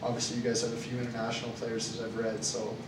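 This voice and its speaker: A young Canadian man plays a job candidate in a student role-play interview in a classroom, speaking fast and monotone in a mid-range voice. He sounds hesitant, filling his speech with lots of uh and um. The recording is noisy and echoey, captured far from the mic.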